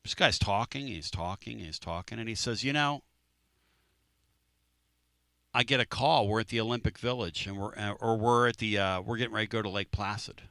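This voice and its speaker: A man's voice: on the low side, quick pace, hardly any pauses, bright, forceful tone, dry recording. A man hosting a sports talk radio show, telling a story in a casual, emphatic way and repeating phrases.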